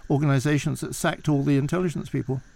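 Creaky-voiced man, halting commentary. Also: on the high side, fairly even intonation, a little mellow. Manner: halting, colloquial. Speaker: defence analyst guest. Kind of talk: spontaneous news commentary.

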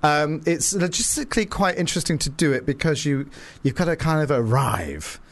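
A man's voice: fairly high pitch, expressive, moderate pace. A middle-aged man presenting a radio show in a campy, theatrical drag-diva manner, drawing out words and endearments.

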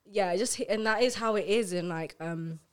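A woman chatting in a group. She rambles and leans on fillers and restarts, and her voice sits at a middling pitch. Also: moderate pace, clear, resonant tone. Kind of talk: casual group chat.

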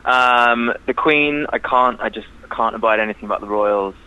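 A man's voice: mid-range voice, normal speed, sharp tone, smooth. A young man, a podcast guest, chatting animatedly with frequent laughs and lots of "like". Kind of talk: casual chat. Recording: slightly dull lo-fi sound with faint noise.

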